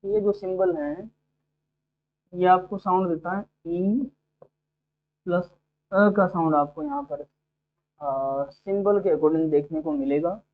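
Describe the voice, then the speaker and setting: A man's voice: high voice, big pitch swings, slow, gravelly, long pauses, smooth. A male teacher giving a phonetics lesson to exam students, explaining step by step and checking in with frequent "okay?" tags. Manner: explains step by step, often asks 'ठीक है' and 'है ना'. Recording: tinny phone-like sound.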